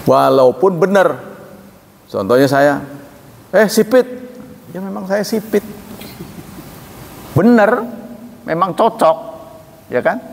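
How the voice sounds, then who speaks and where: A man giving a religious lecture as a preacher, reciting verses and explaining them, sudden jumps in pitch when he quotes people. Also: takes it slowly, gravelly, pauses often. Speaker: Islamic preacher. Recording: reverberant hall, faint noise.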